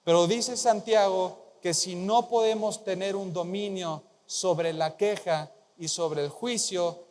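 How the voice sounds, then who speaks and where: A pastor preaching in a high voice and at an unhurried, deliberate pace. He hammers key phrases by repeating them and prompts the congregation to answer back. His voice rings with a long reverb across a large church hall. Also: darkish tone. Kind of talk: sermon.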